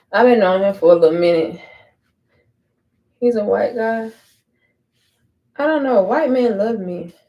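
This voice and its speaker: A woman livestreams from home on a phone mic, chatting casually while doing her hair. She is blunt and chatty, swears freely and repeats her lines, speaking in a mid-range voice with dull audio.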